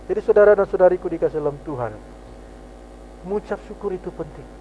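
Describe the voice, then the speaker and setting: A man with a Sabah Malay accent preaches in a church through a microphone, his voice sitting a little high for a man. He acts out small scenes with quick changes of voice and laughs often. A faint hum stays under the recording. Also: a little mellow, highs cut off. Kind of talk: sermon.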